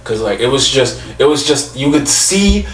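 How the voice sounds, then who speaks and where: Co-host, young man, sits back from the mic in a roomy space; relaxed, profane chat. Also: medium pitch, normal speed, far from the mic, crowd noise. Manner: laid-back, profane, laughs a lot. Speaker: podcast co-host. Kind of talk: casual chat. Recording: roomy, off-mic with faint noise.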